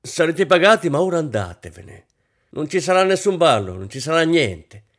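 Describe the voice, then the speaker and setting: A man reading aloud voices an anxious wealthy hostess, a woman who talks in a frantic, high-strung way. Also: big pitch swings, brisk.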